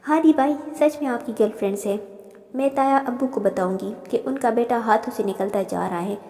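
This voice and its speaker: A woman's voice: on the high side, fairly quick, creaky, darkish tone. A woman voicing a playful, cheeky young female student in a storybook reading. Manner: bubbly, cheeky. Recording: roomy reverb.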